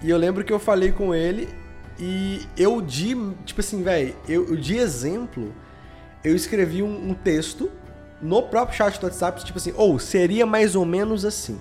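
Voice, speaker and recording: Talking at normal speed in a high, slightly mellow voice, a man with a Minas Gerais Brazilian accent from Belo Horizonte chats casually as a podcast guest. He creates audio drama podcasts and spins anecdotes in slangy speech. Background music accompanies him.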